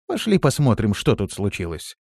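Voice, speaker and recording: A man's voice: lowish voice, wildly swooping pitch, moderate pace, creaky, a little mellow, no echo, clean studio sound, full character voice. A man reading an audiobook, voicing a bold young female demoness who speaks firmly and decisively. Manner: firm, decisive, thoughtful. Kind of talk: audiobook character voice.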